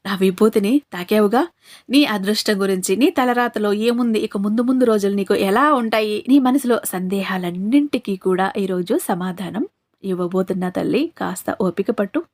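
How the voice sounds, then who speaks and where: A woman's voice: medium pitch, moderate pace, darkish tone. A woman giving a devotional address in a saint's voice, tender and consoling, calling the listener child and mother. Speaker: devotional message speaker.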